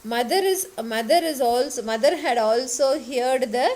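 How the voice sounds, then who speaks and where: A woman with a fairly high voice teaches an English lesson. She reads a line of a story, then slowly puts it into simpler words and repeats the key terms. Now and then she slips into to explain. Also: darkish tone, low-quality recording. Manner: mixes in Tamil for explanations.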